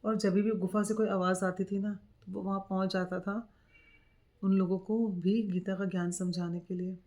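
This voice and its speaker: A woman's voice: mid-range voice, little pitch movement, moderate pace, mellow. A young adult woman vlogger narrating a spiritual story in an informal, conversational way.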